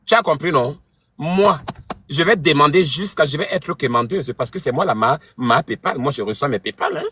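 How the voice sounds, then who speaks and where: A man's voice: fairly high pitch, expressive, moderate pace, bright, forceful tone, husky. A man hosting a live stream, taunting and mocking a rival in a heated argument.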